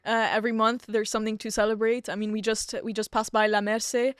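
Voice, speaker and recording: A woman's voice: on the high side, flat delivery, brisk, clean tone, no echo, clean studio sound. A Canadian-raised woman in her twenties hosting a student podcast, chatty and upbeat, whose first language is Arabic. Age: 20s. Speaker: podcast host. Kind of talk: casual podcast chat.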